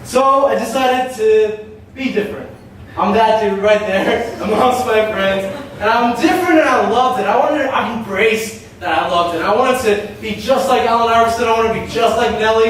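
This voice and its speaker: A young man with a fairly high voice gives an animated, story-driven opening talk at a design meetup, filling pauses with "uh". The mic catches him from a distance, so the voice carries a heavy echo off the hall's hard surfaces, with a faint hum of room noise behind. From Nepal-born, raised in Shanghai, China. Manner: animated storytelling with frequent filler "uh". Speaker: meetup host and speaker. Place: event space with an audience. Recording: very echoey hall, voice from afar.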